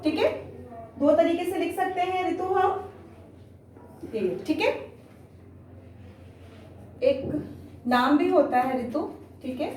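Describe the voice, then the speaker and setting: A woman with a high voice teaches young children in an unhurried, patient way, repeating each word and often checking that they follow. She is heard from a distance in a very echoey room. A faint noise runs underneath. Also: darkish tone. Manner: slow, patient, repeats each word and keeps saying "theek hai". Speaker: primary school Hindi teacher. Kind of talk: online class lesson.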